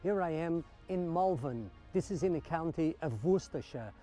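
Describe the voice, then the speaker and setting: Enthusiastic man with a dark, mellow voice. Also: fairly high pitch, expressive, moderate pace, faint music behind. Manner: enthusiastic, admiring, many questions to viewers. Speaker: vlogger touring a car meet. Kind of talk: casual walkaround commentary. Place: outdoor car park.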